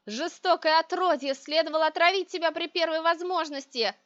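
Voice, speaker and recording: A woman voicing a crooked, ancient witch who rants and wails in slow, drawn-out cries. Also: on the high side, fairly even intonation, a bit bright, dry recording. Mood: raving. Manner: slow, wailing, hissing rants. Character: crooked ancient female witch, shrieking, raving. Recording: dry, dull lo-fi recording.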